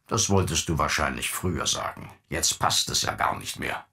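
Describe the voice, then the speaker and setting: A man's voice: a bass voice, normal speed, gravelly, voice pushed down, exaggerated voice. A man doing a scornful, tyrannical old father. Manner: contemptuous, bursts into shouting rants.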